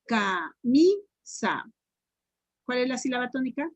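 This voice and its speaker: Mexican lady teacher doing grammar drills, kinda high voice, dry close sound, stretches words out slow. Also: dry recording. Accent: Mexican Spanish. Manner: drills students, repeats answers, stretches words slowly syllable by syllable. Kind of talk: online grammar tutoring.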